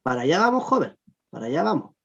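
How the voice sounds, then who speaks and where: A man teaching Greek grammar in an online class, explaining rules in an animated way and checking that students follow. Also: on the high side, quick pace, gravelly, background noise. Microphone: video call. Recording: dull lo-fi video call audio.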